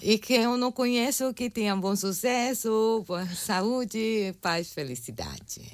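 A woman's voice: on the high side, expressive, slow. A woman visiting a radio studio as a guest, talking in a friendly, casual way with many short interjections.

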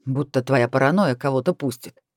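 A woman voicing a calm, wry young man who speaks in a low-key way in an audiobook. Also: fairly quick, dry recording, studio quality, natural voice.

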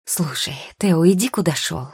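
A weary young potion-maker who snaps back with curt, sarcastic answers, as a woman reads her in an audiobook. The voice is low, dark and husky. It is recorded close and dry. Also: moderate pace, no echo, full character voice. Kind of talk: audiobook character voice.

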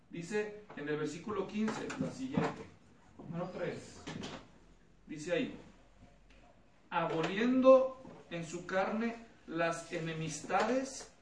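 A man preaching an expository Bible study, asking the congregation questions, repeating their answers back and acting out voices in his stories. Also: a little high. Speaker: pastor teaching a Bible study. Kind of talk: expository sermon with anecdotes. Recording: echoey room, mic at a distance, noisy.

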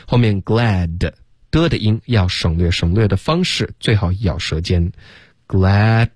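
A man's voice: low voice, unhurried, slightly rough, no echo, clean studio sound. A male teacher on a radio English lesson who drills sounds by repeating them and mixes English into his Chinese.

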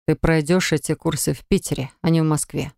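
A woman reading the lines of a calm, decisive husband in an audiobook, matter-of-fact. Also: deep voice, a little fast, creaky, dry recording, studio quality. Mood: firm. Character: cool, decisive husband, grown man. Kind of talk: audiobook character voice.

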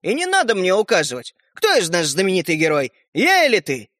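A man's voice: sits high, huge pitch swings, fairly quick, fairly bright tone, no echo, studio quality, heavily acted. A man voicing a tiny, proud and grumpy fairy-tale boy hero who snaps and boasts. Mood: snappy. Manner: snappy, indignant, boastful.

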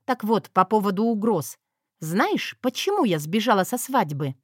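A woman reading an audiobook voices a defiant, scheming young woman who speaks in a mocking, sharp manner. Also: mid-range voice, very animated, moderate pace, breathy edge, dry recording, clean studio sound. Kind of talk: audiobook character voice.

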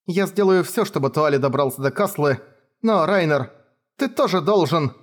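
A man's voice: on the high side, expressive, normal speed, pitched above the performer's own voice. A man doing a sobbing young woman warrior. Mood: earnest. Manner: pleading, sobbing, rising to shouts. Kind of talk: audiobook character voice.

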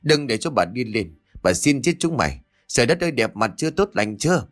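A man voicing a furious old village matriarch, hurling curses in a fast tirade. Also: big pitch swings, faint music behind, close to an everyday voice. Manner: shrill cursing tirade.

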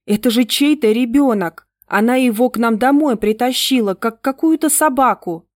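A woman's voice: fairly high pitch, normal speed, darkish tone, no room sound, studio quality, voice pushed up, natural voice. A woman reader voicing a nervous, exasperated young father with tense, agitated outbursts. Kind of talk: audiobook reading.

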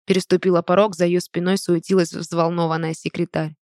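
An audiobook reader narrating a first-person novel in a measured, even way, recorded close to the mic. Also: mid-range voice, no room sound.

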